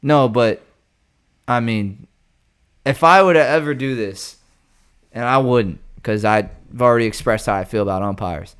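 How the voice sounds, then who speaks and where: A man's voice: mid-range voice, a little slow, pauses often, a bit bright, clear, resonant tone. A young man hosting a casual chat, joking, laughing often and airing strong opinions. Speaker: podcast host.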